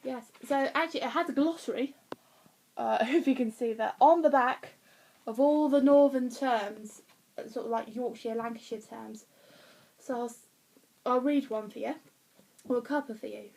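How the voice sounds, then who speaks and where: Woman, slightly high voice, rambling home vlog chat full of ums and restarts. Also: moderate pace, creaky, long pauses, warm tone, rough recording. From Essex, England. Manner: rambling, many fillers and restarts, laughs at herself. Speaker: vlogger reviewing a play. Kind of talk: casual chatty review. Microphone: phone or webcam.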